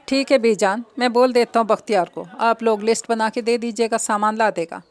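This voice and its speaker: A woman's voice: a little high, steady tone, natural voice. A woman voicing a teasing young man who puts on an innocent tone. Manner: mock-innocent.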